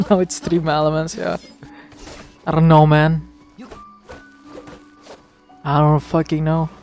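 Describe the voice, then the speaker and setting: Excitable swearing male game streamer. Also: on the high side, takes it slowly, pauses often, faint music behind. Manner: excitable, chatty, swears freely. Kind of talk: casual live-stream chat.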